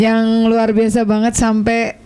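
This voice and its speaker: A woman hosting a live radio program, who chats casually and answers her guest with soft words of agreement. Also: a little high, monotone, unhurried, a little hiss or hum. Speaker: radio host. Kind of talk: casual chat.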